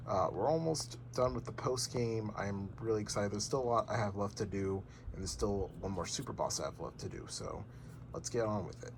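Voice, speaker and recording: A young man talks in a low voice, rambling from one thought to the next and stopping often to restart. A faint hiss sits under the recording, made at home. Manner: rambling with many fillers and restarts. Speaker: gaming vlogger. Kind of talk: casual unboxing and game progress vlog. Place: bedroom at home.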